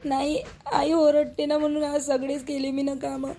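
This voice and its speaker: A woman's voice: high-pitched, completely flat delivery, moderate pace, mellow, a little hiss or hum. A woman playing a tearful young daughter-in-law pleading with her husband, crying, in a Vidarbha Marathi dialect. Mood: earnest. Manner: pleading, apologetic.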